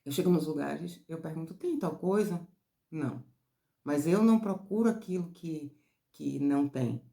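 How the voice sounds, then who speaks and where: A woman therapist from Brazil, explaining character traits in a casual teaching talk, expressive, getting higher and louder when excited. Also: normal speed, creaky. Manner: expressive, rises high and loud when excited. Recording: roomy echo.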